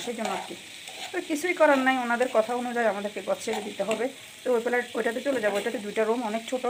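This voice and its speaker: A middle-aged woman chatting casually to her viewers while she cooks at home, confiding and familiar. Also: medium pitch. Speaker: cooking vlogger. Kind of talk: casual chat while cooking. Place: home kitchen. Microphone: phone camera. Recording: faint kitchen noise. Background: frying and sizzling on the stove.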